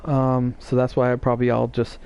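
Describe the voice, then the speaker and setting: A man's voice: medium pitch, monotone, brisk, creaky, darkish tone, clean tone. A man streaming live, chatting casually and teasing his viewers in a rambling way.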